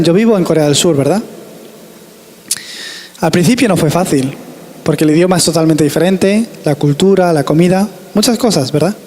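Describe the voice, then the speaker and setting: A man with a Spanish accent from Spain delivers a sermon in a high, earnest voice, driving his points home by repeating them. His words carry a long reverb, as if heard in a church hall. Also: darkish tone. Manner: earnest, emphatic preaching with repeated phrases. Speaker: preacher.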